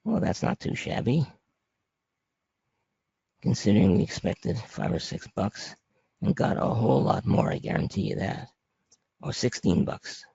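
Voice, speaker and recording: Raspy, gravelly hoarse man teaching. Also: fairly low pitch, huge pitch swings, measured pace, pauses often, dark tone, no room sound. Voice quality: raspy, papery, breathy voice. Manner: plain-spoken, step-by-step, conversational. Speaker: trading instructor presenting a webinar. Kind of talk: informal slide presentation. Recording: dry, muffled lo-fi audio.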